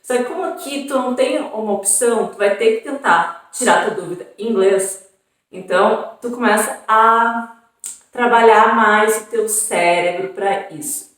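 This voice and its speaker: A woman's voice: fairly high pitch, a little slow, a bit bright. A young Brazilian woman with a southern Brazilian accent, chatting casually as a vlogger and tossing in frequent tag questions and fillers. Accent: southern Brazilian Portuguese. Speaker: vlogger on an exchange program. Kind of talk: casual chat. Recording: very echoey room, far from mic.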